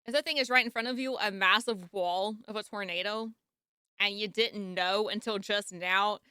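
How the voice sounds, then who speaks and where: A woman giving casual, animated reaction commentary with joking, slangy remarks. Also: medium pitch, moderate pace, smooth, dry recording, clean studio sound. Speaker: reaction video host.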